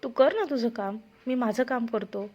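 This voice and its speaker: A woman's voice: on the high side, normal speed, close to an everyday voice. A woman voicing a teasing young husband. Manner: loud, irritated scolding. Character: playful young newlywed husband, teasing and quick-tempered. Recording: dull lo-fi recording.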